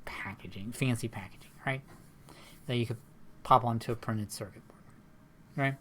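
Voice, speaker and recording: A man's voice: medium pitch, a little hiss or hum. A man giving a recorded university lecture in a rambling, conversational way, often checking in with tag questions.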